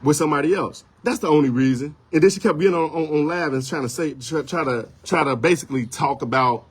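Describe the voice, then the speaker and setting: A man's voice: a little high, quick pace, breathy edge. A man talking on a livestream, rambling and defensive, repeating himself and apologizing earnestly. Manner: rambling, repetitive and defensive, with many restarts. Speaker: photographer on a livestream. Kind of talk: unscripted livestream monologue.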